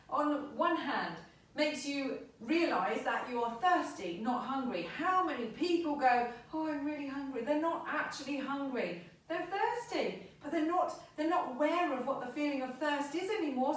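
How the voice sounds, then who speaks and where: A woman's voice: sits high, expressive, moderate pace. A woman, a back pain therapist giving a chatty, emphatic health talk and repeating her advice. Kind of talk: informal health talk to camera. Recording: very echoey room, voice from a distance.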